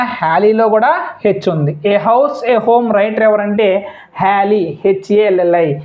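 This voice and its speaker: A woman teacher runs an exam-prep lesson, repeating questions and answers and mixing English words into her explanations. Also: mid-range voice. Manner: repetitive question-and-answer drilling. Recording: dull lo-fi audio.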